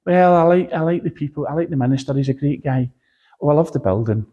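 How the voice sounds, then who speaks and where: A man's voice: a little high, quick pace, slightly rough, dull audio. A man acting out a confused male churchgoer who talks in a hesitant, rambling way. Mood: content. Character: confused adult male churchgoer, unsure of himself.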